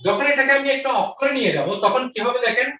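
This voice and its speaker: A man's voice: very high voice, a little fast, bright, forceful tone. A man teaching a grammar lesson, repeating each question and answer and checking with his students. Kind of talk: online grammar lecture. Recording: roomy, distant, dull lo-fi audio.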